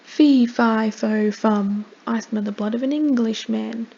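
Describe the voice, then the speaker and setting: A woman doing a loud roaring giant. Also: unhurried, gravelly, breathy edge, muffled recording, full character voice. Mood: booming. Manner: booming, chanted threats. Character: huge roaring male giant, menacing.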